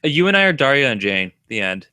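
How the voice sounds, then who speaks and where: A man's voice: mid-range voice, big pitch swings, brisk, sharp tone, smooth, no room sound, clean studio sound. A man co-hosting a casual geek chat over a video call, rambling and heavy on filler words. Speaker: co-host.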